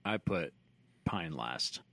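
A man co-hosting a casual podcast about movies, relaxed and prone to trailing off, then ranting when critical. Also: deep voice, slow pace, vocal fry, dry recording. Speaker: podcast co-host.

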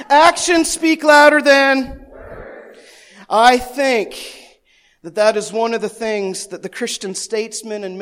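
High-voiced male pastor preaching. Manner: lively preaching, swinging between soft prayer and loud emphasis; playful asides and self-teasing humor. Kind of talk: sermon. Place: church service.

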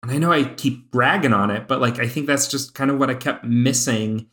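A man co-hosting a podcast, talking thoughtfully about a TV series with drawn-out phrasing and fillers. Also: medium pitch, a bit bright. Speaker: podcast co-host. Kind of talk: casual chat about a TV series.

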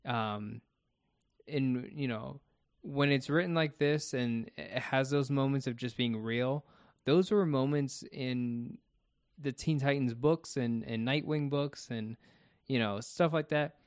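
A man's voice: mid-range voice, takes it slowly, clear, resonant tone, no room sound, clean studio sound. A man co-hosting a casual podcast, talking through his thoughts about a TV episode one step at a time. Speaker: podcast co-host.

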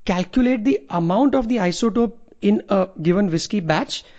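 Male co-host, North Indian accent, relaxed high voice, jokey conversational delivery, slightly dull recording. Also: normal speed. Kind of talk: casual conversational chat.

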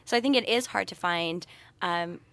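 A woman with a lowish, slightly bright voice speaks at a moderate pace. She's an interview guest, a sexuality educator and researcher, laying out her views in a thoughtful, conversational manner.

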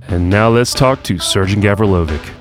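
A man's voice: on the low side, moderate pace, loud music behind the voice. A man hosting a business interview show, moving from a scripted promotional intro into upbeat casual conversation. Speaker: podcast host.

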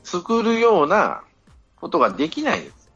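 A man's voice: sits high, wildly swooping pitch, moderate pace, fairly bright tone, breathy edge. A man in a casual podcast chat, arguing his points assertively. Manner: assertive, lecturing. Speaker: podcast panelist. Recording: dull lo-fi audio with faint music.

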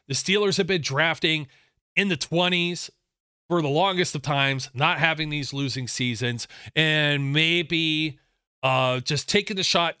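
A man's voice: a little high, sharp tone, smooth, no echo, studio quality. A man co-hosting a sports podcast in casual chat, his throat sore and voice going, rambling with frequent restarts. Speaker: podcast co-host. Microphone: desk mic with mute button.

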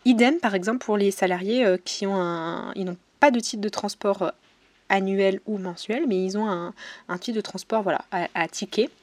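A woman at an ordinary mid pitch gives practical tips to business owners, speaking straight to the listener. She hesitates often and restarts her phrases. The sound is dry, with no room around her. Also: moderate pace, dry recording. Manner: hesitant, frequent fillers and restarts, addresses viewers directly. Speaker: presenter giving eco tips to business owners. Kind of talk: informal advice talk to camera.

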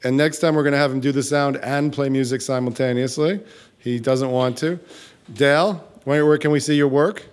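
A man's voice: mid-range voice, normal speed, smooth. Chatty man hosting a live event. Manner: chatty and joking, hands off to audience members. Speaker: event host. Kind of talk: casual live-event wrap-up.

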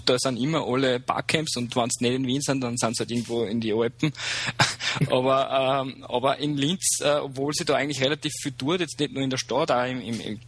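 A man's voice: medium pitch, fairly bright tone, breathy edge. A man with an Upper Austrian accent, a guest in an interview, talking casually and hesitantly with many fillers and restarts. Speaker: guest, social media consultant.

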